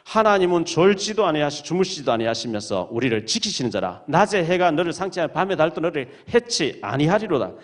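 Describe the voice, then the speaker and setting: A male pastor preaching a sermon in a church, reading scripture aloud and retelling the stories with dramatic emphasis. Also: on the high side. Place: church sanctuary.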